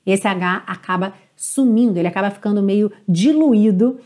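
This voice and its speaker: A woman from Brazil teaching an online English lesson, upbeat and clear, slowing down to model words. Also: medium pitch, dark tone.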